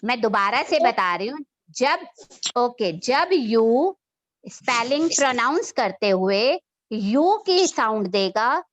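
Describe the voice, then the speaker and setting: A woman schoolteacher giving an online English grammar class, speaking slowly and patiently, repeating points and checking that students follow. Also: on the high side, big pitch swings. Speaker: school teacher. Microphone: online class, computer mic.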